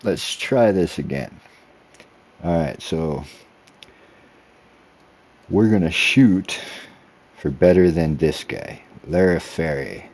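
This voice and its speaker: A man's voice: low voice, takes it slowly, long pauses, darkish tone. A man giving casual, rambling commentary to himself while playing a racing game. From United States. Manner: rambling self-talk while driving, easygoing. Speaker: sim racing video creator.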